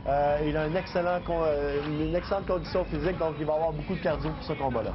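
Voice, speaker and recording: A man's voice: a little high, fast talker. A man giving analytical live fight commentary, explaining with hesitant phrasing. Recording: dull broadcast sound, music behind.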